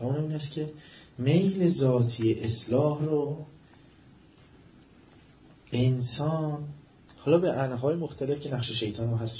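A man giving a religious-ethical lecture, asking questions of his listeners and rising to emphatic, drawn-out stresses. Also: medium pitch, a little mellow, a little hiss or hum. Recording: echoey room, dull lo-fi sound.

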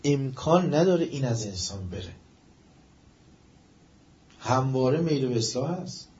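A man giving a religious-ethical lecture, asking questions of his listeners and rising to emphatic, drawn-out stresses. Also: mid-range voice, animated, a little mellow. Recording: echoey room, dull lo-fi sound.

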